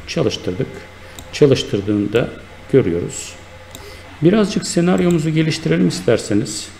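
A man teaching a software tutorial, talking in an unhurried, explanatory way with many fillers and self-corrections while he works at a computer. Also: mid-range voice, creaky, slight background noise. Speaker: instructor. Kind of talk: screen-recorded software tutorial.

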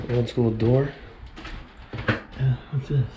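A man's voice: medium pitch, background noise. A man in his thirties filming a casual walkthrough vlog of an abandoned house, musing aloud to his viewers. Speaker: urban explorer vlogger. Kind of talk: handheld exploration vlog. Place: abandoned fire-damaged house, indoors. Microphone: handheld camera.

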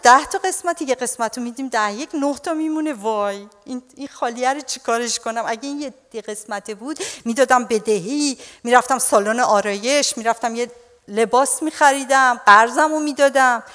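A woman pastor preaching an animated sermon, her voice high and bright in pitch. She keeps addressing the congregation warmly as dear ones, and the sound carries the long reverb of a church hall.

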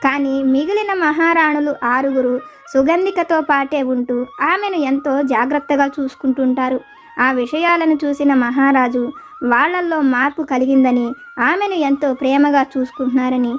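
A woman narrating a folk tale about a king and his queens in a steady, even storytelling manner. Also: high-pitched. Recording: dull lo-fi with faint music.

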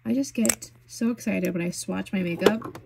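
A young woman vlogging about beauty products in a casual, gushing, chatty way, full of fillers and excitement. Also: mid-range voice, moderate pace, gravelly, slight background noise. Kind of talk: casual product swatching chat.

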